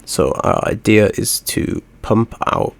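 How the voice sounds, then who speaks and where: A man with a nasal, stuffed-up voice from a cold, hosting a relaxed gaming video with easygoing, rambling chatter. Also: on the low side, slow pace, creaky. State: congested, stuffy nose from a cold. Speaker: host. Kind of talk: casual gaming commentary.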